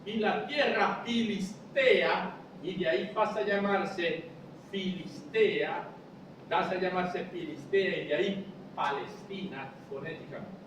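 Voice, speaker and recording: A man's voice: high-pitched, slow, heavy reverb, far from the mic, background noise. A male pastor preaching a sermon, explaining step by step with rhetorical questions and calling listeners brother. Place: church.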